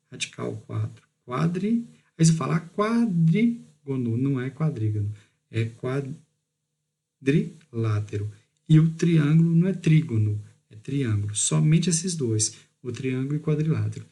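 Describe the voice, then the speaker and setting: A man with a Brazilian Portuguese accent, teaching a recorded math lesson and explaining step by step, drawing out key words slowly and checking in with "beleza?". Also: mid-range voice, warm tone.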